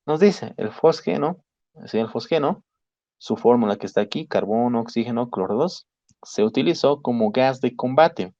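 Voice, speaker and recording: A man's voice: medium pitch, animated, moderate pace, mellow, no room sound. A male chemistry teacher gives an online lecture, explaining step by step and often checking in with his students. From Bolivia. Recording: dry, dull lo-fi call audio.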